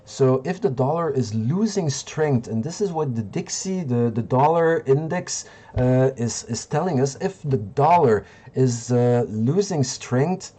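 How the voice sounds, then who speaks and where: Man from Belgium, hosting a live market stream; slow, mellow delivery, halting and full of fillers. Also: medium pitch, animated. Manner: rambling, halting, many fillers and restarts. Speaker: livestream host. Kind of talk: live market analysis and chat.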